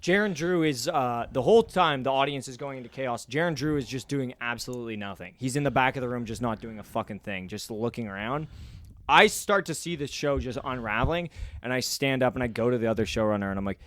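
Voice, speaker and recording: A man, hosting a podcast and telling a long story in a casual, animated way, acting out the people he quotes. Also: mid-range voice, fast. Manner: animated, acts out quoted people in loud voices. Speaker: podcast host.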